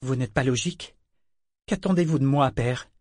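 A man's voice: mid-range voice, normal speed, a little mellow, dry recording, studio quality, close to an everyday voice. A man voicing an anxious fourteen-year-old boy who speaks earnestly and pleads with his father. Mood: pleading.

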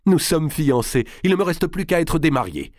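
Young stubborn king, put on by a male reader, voiced well above his own pitch, imperious. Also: big pitch swings, moderate pace, darkish tone, dry recording, studio quality. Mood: eager. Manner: imperious, pressing.

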